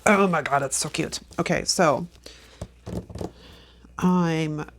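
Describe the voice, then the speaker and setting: Against a noisy background, a woman with a deep voice speaks at a slow pace. In her fifties and sniffly from allergies, this planner vlogger chats casually to viewers while decorating her planner, often laughing and talking to herself, plan-with-me style.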